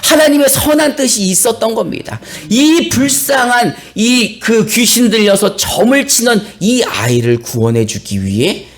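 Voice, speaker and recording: A male pastor preaching a sermon and reading scripture, telling the story with animated, acted-out flair. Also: extremely high pitch, measured pace, few pauses. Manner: animated storytelling, acts out biblical characters.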